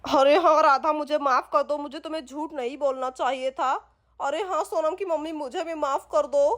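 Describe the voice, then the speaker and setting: A woman's voice: high-pitched, steady tone, moderate pace, a bit bright. A woman voicing a bumbling middle-aged father in a doll story, begging forgiveness and groaning about his back. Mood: pleading. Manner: pleading, groaning comic complaints. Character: bumbling middle-aged dad, sheepish and comic. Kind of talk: Hindi doll-story role-play.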